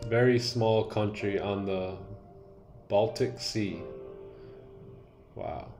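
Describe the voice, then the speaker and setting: A laid-back man hosting a live stream, talking loosely in slang and calling out viewers by name. His voice sits fairly low, with faint music playing underneath. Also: very slow, a little mellow. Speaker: livestream host and day trader. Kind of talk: casual livestream chat.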